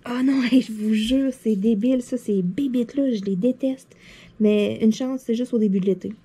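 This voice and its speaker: Husky, dark-voiced Québécois woman vlogger. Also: a little high, moderate pace. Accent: Québécois French. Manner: chatty, animated, lots of fillers and laughter. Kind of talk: casual anecdote storytelling to viewers. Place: seated at a desk indoors.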